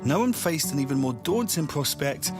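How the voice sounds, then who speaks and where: A male presenter narrates a documentary segment in a fairly high, very animated voice that swings up and down. Music runs under his narration. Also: normal speed. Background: background music.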